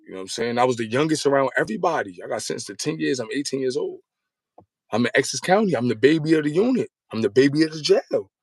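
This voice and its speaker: As an interview guest, a thirtysomething man rambles through his story in slangy street talk, often checking "you know what I'm saying." He talks fast with lively intonation and a slightly rough, medium-pitched voice, recorded with no room sound.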